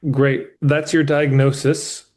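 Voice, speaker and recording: A male coach talking through ideas in a live coaching session, with a mid-range pitch. His delivery is candid and emphatic, and he drops casual swears. He restarts sentences as he thinks aloud. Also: flat delivery, takes it slowly, a little mellow. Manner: restarts mid-thought as he explains. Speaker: business coach.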